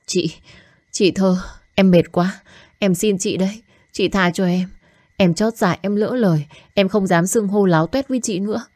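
A woman's voice: mid-range voice, moderate pace, a little mellow, no room sound, studio quality, pitched above the performer's own voice, close to an everyday voice. A woman voicing a frightened young woman in a storybook who begs for mercy. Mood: begging. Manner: tearful, pleading.

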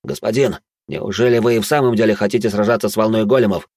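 A man's voice: fast talker, a little mellow. A man voicing a cowardly male lord in an audiobook who pleads and shrieks in panic. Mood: pleading. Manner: shrill, pleading, hysterical.

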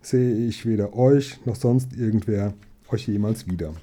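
An old male wizard speaks in a storybook reading, stern and wise, warning in a slow, measured way. His voice is very dark and mellow, as a man reads him aloud. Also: fairly low pitch. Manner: measured, admonishing.

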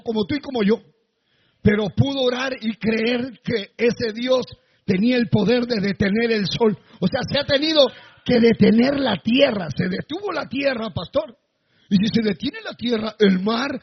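High husky preaching man. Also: normal speed, dull audio. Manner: preaching with sudden shouted bursts. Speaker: pastor. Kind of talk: sermon. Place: church before a congregation.

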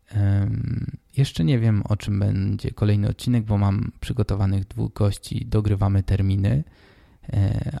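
A man in his twenties hosting a casual solo podcast, hoarse and congested with a stuffy nose, talking informally and directly to the listener. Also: lowish voice, dark tone, dry recording, studio quality. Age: 20s. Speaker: podcast host.

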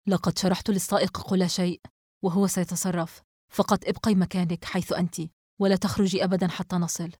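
A woman's voice: fairly low pitch, flat delivery, fast, darkish tone, no room sound, clean studio sound, natural voice. Woman reading a firm male detective. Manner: firm, insistent.

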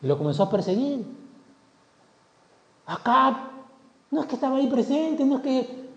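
A male pastor preaches to his congregation with a high, very lively voice, acting out the story and peppering it with rhetorical questions. His voice echoes with a long reverb in a church hall. The recording is dull and lo-fi. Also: normal speed. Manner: animated storytelling with rhetorical questions, acts out the scenes. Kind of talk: sermon.

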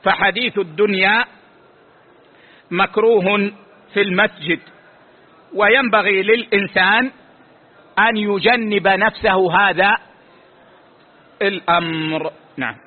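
A man giving a religious lesson as a sheikh, explaining points deliberately and slowly repeating key words for emphasis. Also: high-pitched, steady tone. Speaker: sheikh teaching a hadith book. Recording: tinny lo-fi phone-like sound.

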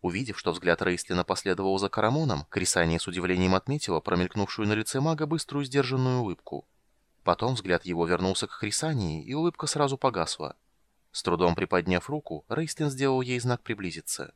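A man narrating an audiobook in a steady, even reading voice. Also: fairly low pitch, a little fast, no echo. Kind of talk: scripted narration.

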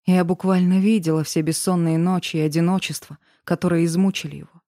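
A woman's voice: lowish voice, steady tone, brisk, warm tone, no echo, clean studio sound. A woman narrating a first-person romance audiobook with an emotional, dramatic reading.

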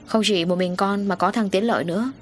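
A woman's voice: medium pitch, a little fast, slight background noise, natural voice. A woman voicing a defiant young man who answers his father curtly, in an audio story. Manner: indifferent, curt.

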